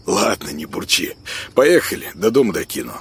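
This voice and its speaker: A man's voice: low-pitched, sing-song, normal speed, gravelly, breathy edge, full character voice. A man voicing a pushy, cheerful young man who needles his friend, in an audiobook. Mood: teasing. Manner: teasing, pushy, upbeat.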